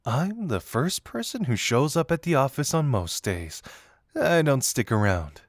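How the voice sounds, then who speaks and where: Man acting Dazai, a teasing, lively flirt. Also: medium pitch, no echo, studio quality. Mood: coy, confiding. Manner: teasing, theatrical, drawn-out words. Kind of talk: intimate roleplay audio acting.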